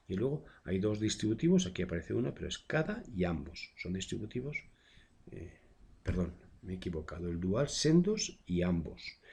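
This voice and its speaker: Guy teaching grammar, deep voice, talks slow w lots of eh's, kinda husky. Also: darkish tone. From Spain. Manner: explains patiently with frequent "eh" fillers and tag questions. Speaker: secondary school language teacher. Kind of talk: recorded grammar lesson.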